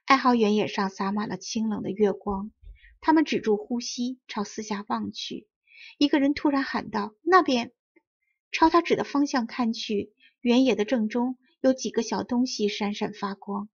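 A woman reading a children's story aloud in clear, carefully enunciated storybook narration. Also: on the high side, moderate pace, highs cut off. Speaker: audiobook reader.

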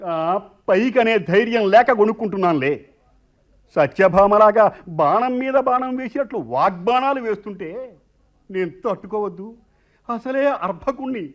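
A man's voice: high voice, expressive, normal speed, highs cut off. A man acting a sarcastic, grumbling, henpecked husband in a radio play, muttering asides and playing mock-subservient.

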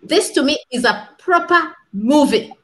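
High-pitched and animated, though a little slow, a thirty-something woman speaks passionately as a panel guest over a laptop webcam video call. She's in a small room indoors, and she leans on rhetorical questions and repetition to stress her points.

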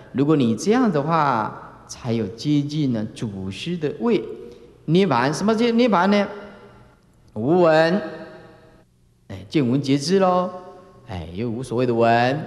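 A man giving a Buddhist sermon as a dharma master, full of filler sounds and acted-out calls. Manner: animated, acts out examples with sudden high calls; frequent filler particles like "ah" and "eh". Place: lecture hall. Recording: roomy lecture hall reverb.

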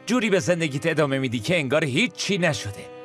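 A bitter young husband, sarcastic and accusing, whose high, lively voice jumps around as he fires question after question. Soft music plays underneath. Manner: sarcastic, accusing, rapid-fire rhetorical questions. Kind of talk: Persian dub of a TV drama.

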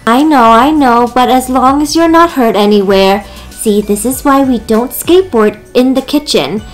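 A woman's voice: fairly high pitch, moderate pace, faint music behind, natural voice, low-quality recording. Woman playing a fussing, soothing mom. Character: gentle, fussing mother of young children.

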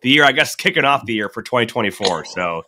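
A man hosting a podcast in a relaxed, chatty way, his voice nasal and stuffy from a cold. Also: mid-range voice, quick pace. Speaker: podcast host. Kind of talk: casual podcast chat.

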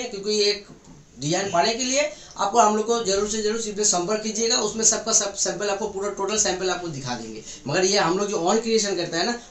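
A man in his thirties giving an eager sales-pitch tour of a garment workshop, recorded on a handheld phone camera. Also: a bit bright, slight background noise. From India. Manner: eager sales pitch, repeats phrases, points things out. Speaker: factory guide showing kids' wear. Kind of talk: walking tour presentation. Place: indoor garment workshop and showroom.

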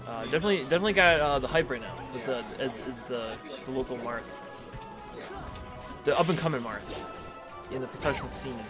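A man's voice: mid-range voice, fairly quick, long pauses. A young man casually commentating a video game match, joking and rambling, often repeating his words. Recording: music playing behind.

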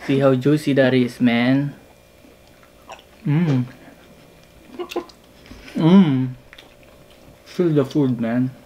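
A woman's voice: very deep voice, very slow, pauses often, dark tone, a little hiss or hum. A woman with a Filipino accent hosting a casual food vlog, mixing English and Tagalog and talking to viewers as guys. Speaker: vlogger host. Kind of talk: casual mukbang vlog chat.

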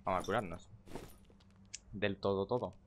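Speaking at a moderate pace in a steady tone, this young man streams his gameplay from a home computer, his voice on the low side. He keeps up a casual, profane commentary, talking to himself under his breath and saying hello to viewers in chat. The mic picks up faint background noise and the click of keys.

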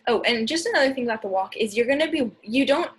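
Speaking quickly in a fairly high, expressive voice with a breathy edge, a young American speech and debate instructor walks through slides informally. She hesitates and trails off into asides. She's indoors in a small room at home, heard through a computer mic on a video call.

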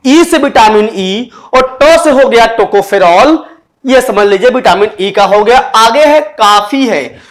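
A man's voice: very high-pitched, expressive, measured pace. Guy teaching an exam prep class, tells little stories as memory tricks, asks then answers his own questions. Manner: explains with rhetorical questions; storytelling mnemonic tricks.

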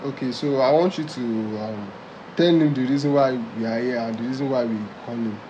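A man with a Nigerian accent playing a friend who keeps calming a quarrel in a comedy skit. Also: medium pitch, a little fast, lo-fi sound, a little hiss or hum, natural voice. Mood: soothing. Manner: soothing, placating. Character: calm male friend mediating the quarrel.

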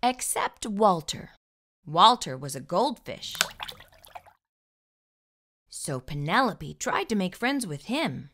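A woman narrates a picture book for young children, with a lively swing in pitch and a bright voice. Her storytelling is expressive and deliberate. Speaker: storybook read-aloud host.

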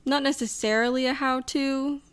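A woman's voice: high voice, fairly even intonation, normal speed, smooth. A woman co-hosting a casual podcast from her couch at home, chatting and venting. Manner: chatty, exasperated venting with laughter. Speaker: podcast co-host. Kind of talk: casual chat. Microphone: home podcast mic.

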